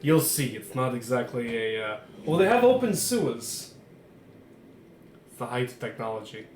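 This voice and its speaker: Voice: mid-range voice, expressive, normal speed, darkish tone. A player in a tabletop game making dry, wry jokes. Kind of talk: tabletop role-play chat. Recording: roomy sound with music behind.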